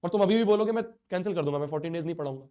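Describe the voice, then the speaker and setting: A man's voice: on the high side, rapid-fire, mellow, dull audio. A man teaching a live online class, speaking in a hurt, earnest, pleading way while he has a sore throat and a stuffy nose.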